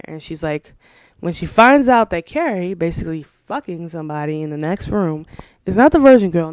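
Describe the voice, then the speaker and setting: A casual film review spoken in a dry, close-up sound with a middling pitch. The talker rambles and swears freely, circling back with "you know" and "like". It sounds like loose, unscripted chat. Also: darkish tone, clean tone, no room sound. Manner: laughs between remarks.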